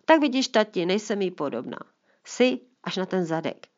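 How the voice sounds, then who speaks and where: A woman's voice: mid-range voice, big pitch swings, highs cut off, lightly acted. A woman voicing a whiny, sassy fourteen-year-old girl in a storybook reading. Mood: cheeky. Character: sulky teenage girl, fourteen, cheeky.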